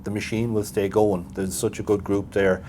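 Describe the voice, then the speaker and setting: A man from Galway with a West of Ireland accent, chatting casually in an interview and haltingly thinking aloud. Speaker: president of a voluntary radio society. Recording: steady background noise with low rumble.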